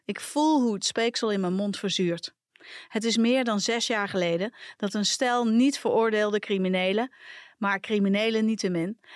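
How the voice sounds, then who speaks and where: A woman reading a first-person personal story aloud for a podcast, in a calm, measured storytelling manner. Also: mid-range voice, no echo, clean studio sound. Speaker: podcast reader.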